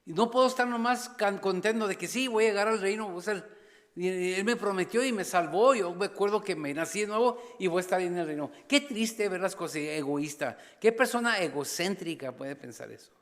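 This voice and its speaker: A man preaching as a pastor, passionate, rising to loud appeals and dropping to hushed asides. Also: sits high, brisk. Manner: impassioned, swings between loud exhortation and hushed asides; slips briefly into English phrases. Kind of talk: sermon. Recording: long church reverb.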